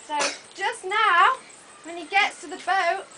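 A woman narrates a puppet show to young children in an open-sided thatched hall, using short simple phrases, exclamations, and questions for her audience. Her very high voice is a little slow and sharp-toned. A camera mic in the audience makes for a noisy open-air recording.

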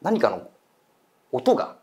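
A man's voice: takes it slowly, a little mellow. A man telling a ghost story in casual chat, acting out quoted voices and eerie murmurs. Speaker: guest storyteller.

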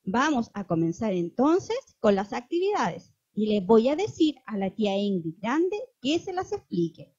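A woman's voice: a little high, very animated, unhurried, few pauses, dark tone, muffled recording. A woman putting on a tiny, gushing teacher. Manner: sing-song, gushing, exaggerated for small children. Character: tiny cheerful female teacher, affectionate. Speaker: kindergarten teacher. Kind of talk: children's video character.

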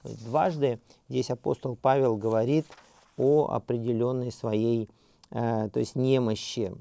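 A middle-aged man giving an unscripted seminary lecture, hesitant, with many fillers and restarts, slowing down when he reads scripture aloud. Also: mid-range voice, fairly even intonation, gravelly, mellow, clear, resonant tone, dry recording.

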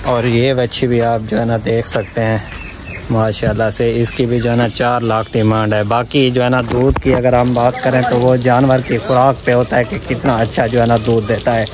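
A cattle seller and video presenter in his 20s records a sales vlog outdoors in an open-air farm yard, holding his phone at arm's length. He speaks at normal speed in a medium-pitched voice with little pitch movement, and background noise is audible. His talk is full of repetitive filler phrases.

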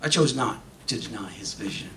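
This middle-aged man's voice sits on the low side as he delivers a dramatic monologue from a script, moving back and forth between English and Spanish. He stands at a podium on a theater stage, speaking emphatically and expressively into a microphone on a stand, with measured pauses. The audio is faint-noised and echoey, captured from a distance in a hall.

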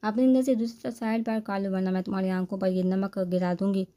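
A woman voicing a sharp-tongued, irritated young bride who snaps back with sarcasm in a romance novel reading. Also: medium pitch, little pitch movement, natural voice. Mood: sarcastic. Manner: sarcastic, snapping.

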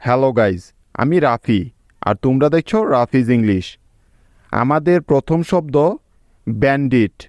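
A man's voice: medium pitch, darkish tone, no room sound, studio quality. A man teaching English spelling to students, breaking words into syllables and spelling them out letter by letter in a patient way. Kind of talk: spelling lesson.

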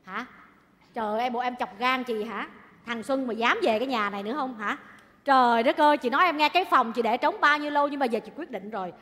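A woman's voice: on the high side, fast talker, natural voice. A woman playing a scolding, hot-tempered landlady. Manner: scolding, nagging, sharp. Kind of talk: stage comedy sketch. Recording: reverberant hall.

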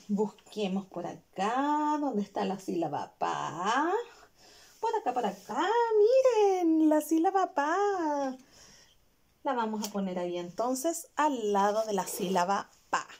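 A woman's voice: medium pitch, darkish tone. A young woman, a kindergarten teacher giving a video lesson to small children, drawing out each syllable and coaxing them with questions.

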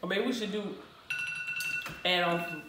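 A woman's voice: on the low side, moderate pace. Young female vlog host, colloquial casual chat, distant echoey sound with faint noise. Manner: informal, colloquial. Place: indoor living room, around a table. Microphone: distant camera. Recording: echoey room, far mic, faint noise.

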